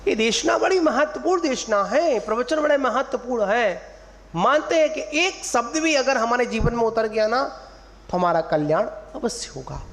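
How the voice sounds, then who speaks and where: A man's voice: very high-pitched, expressive, normal speed, vocal fry, a bit bright. A man, a monk, giving a sermon to an assembly, drawing out syllables to teach pronunciation and quizzing his listeners. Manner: teacherly, drawing out syllables to model pronunciation, asks the audience questions. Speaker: Jain monk preacher. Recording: long hall reverb, faint room ambience.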